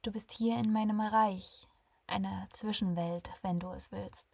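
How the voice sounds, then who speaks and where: A woman voicing a calm female ferryman between life and death, warm and friendly with a sarcastic bite, in a breathy voice. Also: mid-range voice, a little slow, no echo. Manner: warm, friendly, softly teasing.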